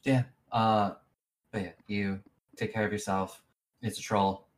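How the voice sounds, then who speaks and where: A woman acting as game master of a tabletop game, narrating in a relaxed way, often laughing and restarting her sentences. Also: a bass voice, a little slow.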